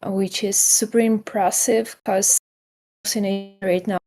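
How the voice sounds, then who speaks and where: A woman's voice: medium pitch, level tone, mellow. Woman on a live stream with uneven volume. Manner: halting, checking her connection. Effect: uneven volume, audio cutting in and out. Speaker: interviewer. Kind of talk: casual live-stream interview.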